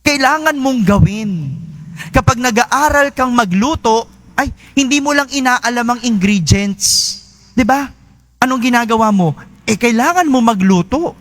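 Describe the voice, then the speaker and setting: High-voiced priest giving a slow homily. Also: male voice, lively intonation, fairly bright tone. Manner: conversational preaching with frequent "no?" tag questions; slows down to stress key phrases. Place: church.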